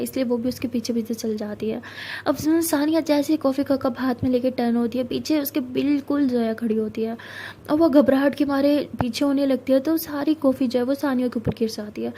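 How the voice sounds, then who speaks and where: A young woman storyteller narrates a love story in a relaxed, chatty manner, sprinkling in English words. Her voice is high-pitched yet mellow and warm. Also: a little fast, slight background noise.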